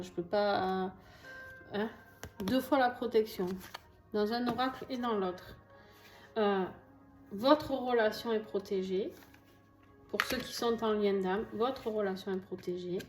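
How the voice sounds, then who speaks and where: A woman's voice: medium pitch, steady tone, slow, pauses often, darkish tone. A woman with a southern French accent giving a chatty, reassuring tarot reading to her viewers, with many fillers and asides. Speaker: tarot reader. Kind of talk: casual tarot reading to camera. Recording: echoey room with faint music.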